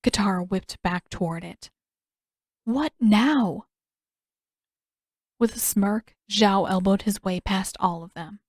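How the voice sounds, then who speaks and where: A woman reading her own fan fiction aloud in a measured, expressive storytelling manner. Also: medium pitch, no echo, clean studio sound. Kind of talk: fan audiobook narration.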